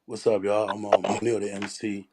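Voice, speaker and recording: A man's voice: lowish voice, level tone, normal speed. A man who works as an MC, introducing himself casually. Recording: loud background noise, clicks.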